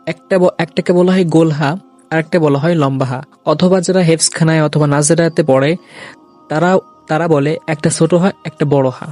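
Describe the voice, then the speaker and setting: Man teaching Arabic letters, slightly high voice. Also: darkish tone. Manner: repeats each letter slowly and firmly for learners to copy. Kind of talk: instructional video lesson.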